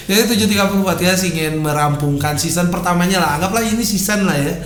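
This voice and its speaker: Higher-voiced Sundanese-accented male podcast host. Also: fast talker. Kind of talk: casual podcast banter, slangy. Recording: roomy echo, faint background noise.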